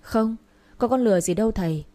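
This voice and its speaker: A woman's voice: a little high, brisk, mellow, voice pushed up, close to an everyday voice. A woman reading the part of a stubborn young man, a village doctor, insisting and pleading with his father. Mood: teasing.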